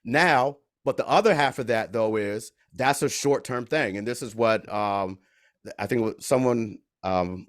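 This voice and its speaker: Quick, emphatic man speaking on a panel. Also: medium pitch, no room sound, clean studio sound. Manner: quick, emphatic, repeats words when stressing points. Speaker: panelist, educator. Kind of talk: panel discussion remarks.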